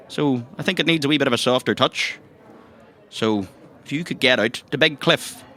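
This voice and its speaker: A male actor with a Northern Irish accent voices a chatty, thirsty agency boss briefing recruits on a mission in a comedic audio drama. His medium-pitched voice has a sharp tone, and he talks in a rambling, hesitant, colloquial way.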